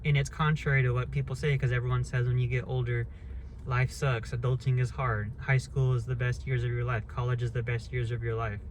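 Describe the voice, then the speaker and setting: A man in his thirties, a vlogger, launches into a loose, unscripted monologue rant, blunt and swearing freely as his thoughts wander and restart. His voice sits at an ordinary middle pitch with a level tone, and a faint hiss runs beneath the recording.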